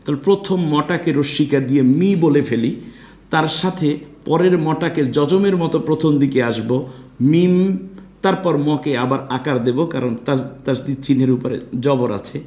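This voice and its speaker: In a roomy-sounding space, a man with a fairly high, slightly mellow voice walks learners through Quran recitation. He slowly spells out each syllable and explains the pronunciation rules before chanting the verses at length.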